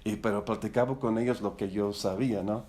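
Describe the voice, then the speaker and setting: Fairly low and a little mellow, his voice moves fairly quickly with a fairly even intonation. He's a middle-aged non-native Spanish speaker running a Bible study for church leaders as casual, conversational teaching, rambling along, repeating words, and often checking for agreement with tag questions.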